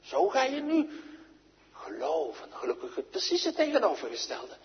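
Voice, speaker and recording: A male pastor preaching and praying, moving from loud proclamation to quiet, intimate speech. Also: high-pitched, huge pitch swings, normal speed. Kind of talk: sermon and prayer. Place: church. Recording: dull sound with long church reverb.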